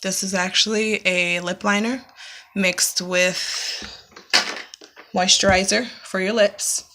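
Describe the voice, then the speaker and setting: A woman's voice: mid-range voice, fairly even intonation, slow, pushed and bright, slight background noise. A young woman giving a casual makeup tutorial, explaining each step plainly with frequent ums. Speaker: beauty vlogger. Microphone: camera mic, close-ups to the lens.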